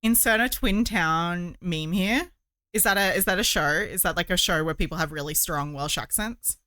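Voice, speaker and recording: A woman hosts a casual livestream while crocheting, rambling and thinking aloud as she chats. Her lowish voice comes at a moderate pace, pushed and bright, in studio-quality sound with no echo.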